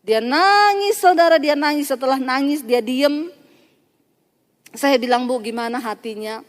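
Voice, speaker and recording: A woman pastor preaching an animated storytelling sermon, acting out the dialogue and often calling out to the congregation. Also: sits high, unhurried. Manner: animated, addresses congregation as Saudara, acts out dialogue. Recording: long church hall reverb.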